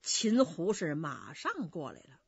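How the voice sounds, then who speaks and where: A woman storyteller narrating a traditional tale with vivid, expressive delivery, in a dry, slightly dull recording. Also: sits low, unhurried, vocal fry, breathy edge, no room sound.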